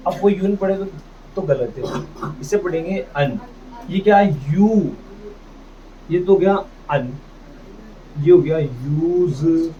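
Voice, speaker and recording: Slow, high-voiced man teaching phonics. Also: dark tone. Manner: drills pronunciation, asks and answers his own questions. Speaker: English teacher. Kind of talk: classroom phonics lesson. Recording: distant dull mic with faint noise.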